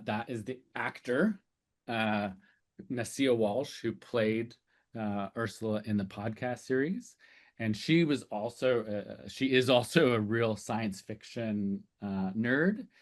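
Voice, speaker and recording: Conversational man giving a talk. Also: on the low side. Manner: loose and conversational, with many "um"s and "uh"s. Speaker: speaker and sessional lecturer. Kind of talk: conference talk.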